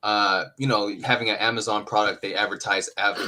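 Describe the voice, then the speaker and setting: A man's voice: lowish voice, level tone, brisk, bright, forceful tone, a little hiss or hum. A young man on a livestream panel, talking in a laid-back way with loose slang. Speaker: panel guest. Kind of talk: casual chat.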